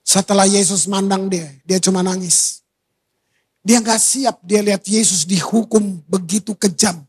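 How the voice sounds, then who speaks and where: A man preaching a sermon in a church, conversational, switching between slow emphatic phrases and quick asides. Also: high voice, fairly even intonation, slightly rough. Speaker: pastor.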